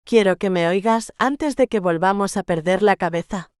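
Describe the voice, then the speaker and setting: A woman's voice: mid-range voice, normal speed, darkish tone, smooth, dry recording, clean studio sound, natural voice. A woman reading the part of a young bride in love, playful and frank in her speech. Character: young English bride, spirited and loving.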